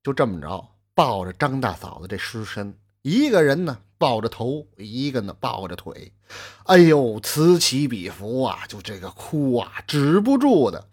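A man telling a traditional story with lively asides to the listener. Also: mid-range voice, measured pace, slightly rough.

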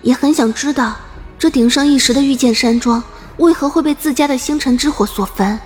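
A woman playing a wistful, lovestruck young former princess musing softly in an audio drama. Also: sits high, fairly quick, soft background music, lightly acted. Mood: wary. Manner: soft, reflective inner monologue.

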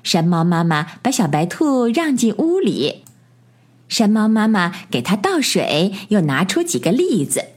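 A woman's voice: a little high, breathy edge. A woman narrating a bedtime story for children in a lilting storybook voice. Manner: slow, lilting storybook delivery.

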